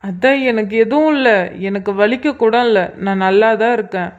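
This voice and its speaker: A woman voices a cartoon's young husband lying in a hospital bed, calming his anxious family with a teasing, soothing, reassuring manner. Her voice is medium-pitched, a little mellow and close to everyday speech, at normal speed, in lo-fi sound.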